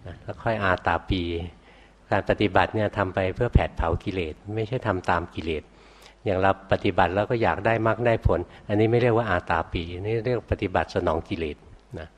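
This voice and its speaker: An older man, a Buddhist monk, teaching meditation calmly and answering students' questions. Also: lowish voice. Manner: calm, unhurried, ends phrases with a soft particle; hard of hearing.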